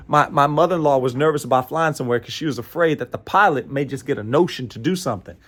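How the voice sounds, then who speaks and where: An American man with a medium-pitched, somewhat bright voice speaks fast during a motivational training talk. Emphatic and playful, he repeats phrases, frequently checks in with "right?", and drops in playful asides and chuckles.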